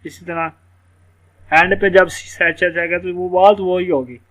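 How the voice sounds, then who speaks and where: A man giving a casual phonics lesson, explaining word sounds and slowly spelling out examples. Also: high voice, steady tone, a bit bright, dull audio. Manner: casual, explanatory, repeats words slowly letter by letter. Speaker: English teacher. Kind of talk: screen-share phonics lesson.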